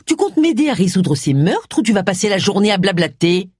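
A narrator voicing a sharp-tongued, irritable middle-aged woman detective in an audiobook. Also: mid-range voice, sing-song, a little fast, husky, no room sound, studio quality. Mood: irritated. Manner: irritable, snappish. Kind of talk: audiobook character reading.

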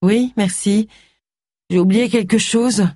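A narrator voicing a brisk, headstrong middle-aged woman detective. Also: mid-range voice, fairly even intonation, darkish tone, dry recording, clean studio sound, pitched above the performer's own voice. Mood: flustered.

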